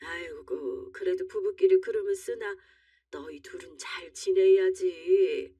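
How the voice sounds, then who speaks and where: Kindly, worried old mother voiced by a woman storyteller; gentle, dry, set back from the mic. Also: on the low side, slow, no echo, far from the mic. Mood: fretful. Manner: gentle, fretful.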